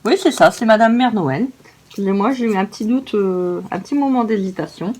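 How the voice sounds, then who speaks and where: A woman's voice: mid-range voice, a little fast, a little mellow. A woman hosting a casual crafting demonstration, chatty and enthusiastic, often stumbling over her words. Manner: gushing and enthusiastic. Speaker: craft video host.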